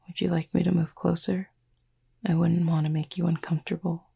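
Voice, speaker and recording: Playing a gentle, composed Cupid who shares a room with the listener, a woman delivers a heavily acted sleep-aid ASMR roleplay in a soft, reassuring, breathy and creaky near-whisper with formal wording. Her lowish voice moves briskly with little change in pitch, and the mood is tender and softly teasing.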